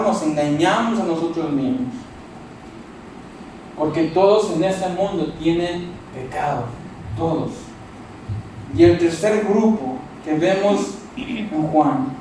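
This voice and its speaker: Man preaching with a loud Monterrey accent. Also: sits high, very echoey, distant mic, a little hiss or hum, poor audio. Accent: northern Mexican (Monterrey). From Monterrey, Mexico. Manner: loud, forceful delivery. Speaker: pastor. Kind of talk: sermon. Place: church hall.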